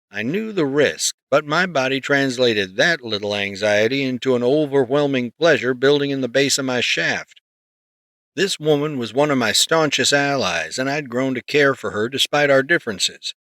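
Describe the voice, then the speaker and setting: A man narrating a story in the first person, reading in a steady, measured way close to the mic. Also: medium pitch, no room sound. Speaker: audiobook narrator.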